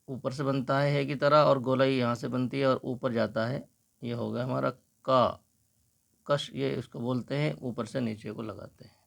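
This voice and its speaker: A man teaching a slow, patient Urdu writing lesson, explaining each stroke as he writes. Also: mid-range voice, fairly even intonation, gravelly.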